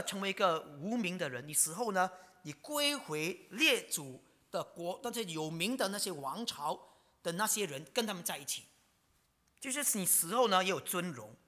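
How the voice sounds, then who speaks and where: Lively bright preacher. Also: medium pitch. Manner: dramatic, asks rhetorical questions, drops to a whisper. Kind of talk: sermon. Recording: long reverb of a large hall.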